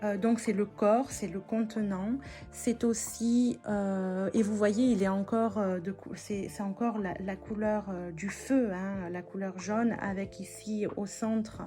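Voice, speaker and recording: A woman giving a weekly tarot and oracle card reading in a gentle spiritual tone, with many hesitations and restarts. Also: mid-range voice, fairly even intonation, measured pace, soft background music.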